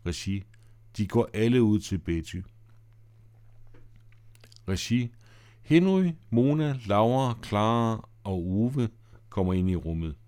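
A man reads the stage directions of a play in a plain, matter-of-fact way. His voice is low. The recording is dry and close to the mic. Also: lively intonation, pauses often, mellow, clear, resonant tone, no room sound. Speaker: reader of a play script. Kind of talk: reading stage directions aloud.

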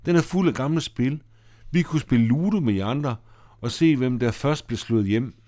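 A man's voice: medium pitch, voice pushed up, close to an everyday voice. A man reading aloud as a mischievous, playful boy. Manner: playful and excited. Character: mischievous boy who likes to tease.

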